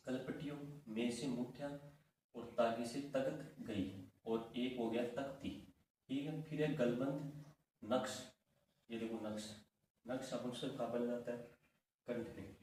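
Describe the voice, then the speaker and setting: A man teaches an exam-prep lesson, running through long lists and quizzing himself as he goes. His voice sits at an ordinary pitch. He is recorded from a distance in a very echoey room with a faint hiss underneath. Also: mellow. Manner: drilling lists, asking and answering his own questions.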